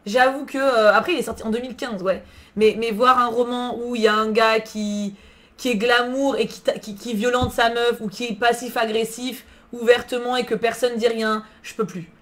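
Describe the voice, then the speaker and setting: Woman, live book streamer, casual chat, slangy and profane, voice on the high side. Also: steady tone, moderate pace. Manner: slangy, swears freely, answers chat messages.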